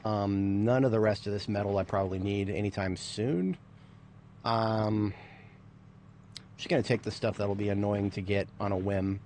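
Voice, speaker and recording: A man's voice: lowish voice, fairly even intonation, normal speed, darkish tone, a little hiss or hum. A man giving casual, rambling commentary on a game as a streamer, with playful, self-mocking remarks. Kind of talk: casual let's-play commentary.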